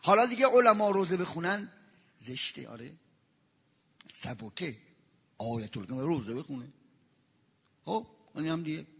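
A male preacher telling a religious story in a sermon, moving from hushed, low passages to loud, chanted lines. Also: lively intonation, gravelly, long pauses, slightly rough. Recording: dull recording in a reverberant hall.

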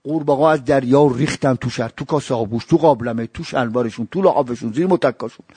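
A male preacher delivering a sermon, telling stories with dramatic swings from quiet murmurs to raised exclamations and chanting scripture quotes. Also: mid-range voice, breathy edge, no echo.

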